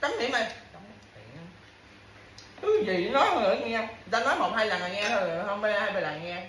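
A woman at home scolds her partner in casual domestic bickering, cycling through the same complaints and empty threats again and again. Her mid-range voice is a bit bright and a little fast, recorded in an echoey room with faint background noise.

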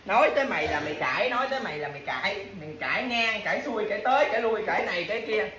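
Speaking very fast with lively intonation, this mid-range-voiced wife nags her partner at home, looping the same complaints and empty threats. It's casual domestic bickering in an echoey room with faint background noise, plus a crowd in the background.

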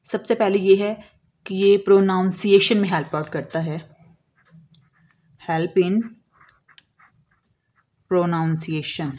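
A woman explaining a lesson as an English teacher, slowly drawing out example words and answering her own questions. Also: fairly low pitch, level tone, mellow. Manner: asks questions and answers them herself.

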